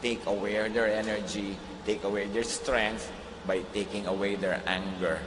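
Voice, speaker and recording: Emphatic Filipino preacher in an echoey hall. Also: male voice, lowish voice, level tone, a little slow. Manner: switches between Tagalog and English, emphatic preaching with sudden rises. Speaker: pastor. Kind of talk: sermon. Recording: echoey hall with faint noise.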